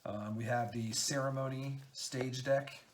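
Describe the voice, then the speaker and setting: A game designer chatting excitedly through an unboxing, halting often with fillers. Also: male voice, medium pitch, a little hiss or hum. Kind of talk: casual unboxing chat.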